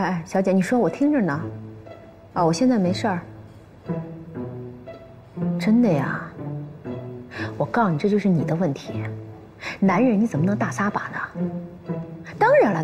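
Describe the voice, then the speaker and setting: A woman playing a bossy friend in a TV drama, lecturing firmly in a low but lively voice. A loud music score plays beneath her lines. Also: lightly acted. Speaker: friend giving advice on the phone. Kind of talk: TV drama acting.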